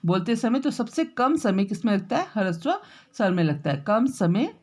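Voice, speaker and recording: A woman teacher giving a grammar lesson, dictating notes slowly and repeating words as she writes, with frequent checking tags to her pupils. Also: medium pitch, big pitch swings, a little mellow. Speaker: school teacher. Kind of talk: classroom grammar lesson while writing.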